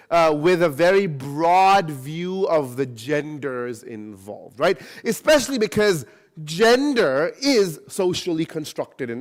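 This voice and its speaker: A man speaking at a convention panel, answering audience questions in an animated, casual way and often adding tag questions. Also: on the high side. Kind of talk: casual Q&A talk. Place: convention hall.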